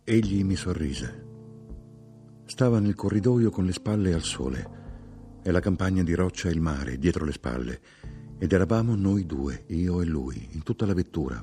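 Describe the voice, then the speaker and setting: A man giving a measured, expressive literary audiobook reading. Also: low-pitched, soft background music. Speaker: audiobook narrator.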